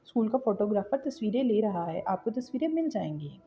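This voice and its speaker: A woman's voice: medium pitch, sing-song, fairly quick, dark tone, dull audio, soft background music. A woman voicing a courteous, formal female school teacher in a cartoon story.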